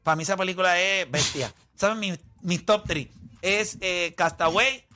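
A man hosting a casual podcast chat, emphatic and animated. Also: high voice, normal speed. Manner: animated, emphatic, laughs often. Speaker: podcast host.

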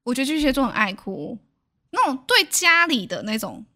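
Bright, slightly high young woman. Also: fairly quick. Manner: relaxed, laughing, with lots of small agreeing sounds. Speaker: podcast co-host. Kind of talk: casual chat.

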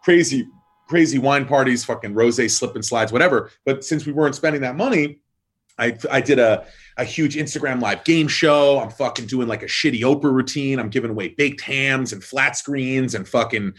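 A man in his thirties talking casually in an interview about his wine brand work, swearing often, rambling with lots of likes and ums, and jumping up in pitch for emphasis. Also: normal speed, slightly rough. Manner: animated, jumps up in pitch for emphasis.

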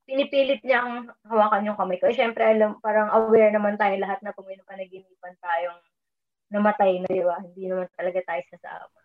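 Medium in pitch, a little fast, and fairly even in intonation, a woman recounts a personal dream experience in casual conversation. She uses some English and speaks louder when she quotes herself, heard through a tinny phone-like recording.

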